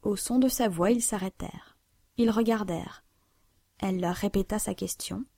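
A woman narrating a classic novel aloud in a measured, even reading style. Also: mid-range voice, dry recording, studio quality. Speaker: audiobook narrator.

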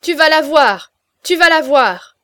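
A woman's voice: high-pitched, lively intonation, measured pace, no echo, studio quality, pitched above the performer's own voice, heavily acted. A woman reading aloud voices a huge, brutish man who roars in jealous rage at a rival. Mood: furious. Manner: roaring, shouting.

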